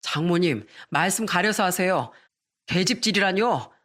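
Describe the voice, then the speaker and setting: A woman's voice: fairly low pitch, lively intonation, moderate pace, a bit bright. A woman voicing an angry middle-aged father who answers curtly and defensively.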